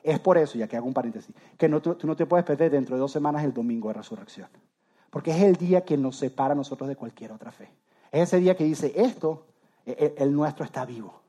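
A man's voice: fairly high pitch, fast, warm tone. A man preaching a sermon as pastor, talking conversationally and straight to his listeners, often restarting and repeating words. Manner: conversational, addresses listeners directly.

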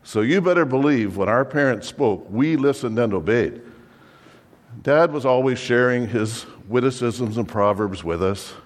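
A man playing a fussy biblical-era undertaker who pitches his business with exasperated, theatrical sales patter. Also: a little slow, long reverb tail, close to an everyday voice. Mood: salesy, wry. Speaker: comic monologue performer. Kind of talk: comic character monologue.

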